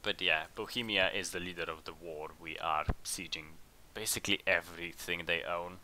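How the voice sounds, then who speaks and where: A man hosting a let's play, chatting casually and thinking aloud as he plays, with bursts of excitement in tense moments. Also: sits low, moderate pace, a little hiss or hum. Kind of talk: casual game commentary.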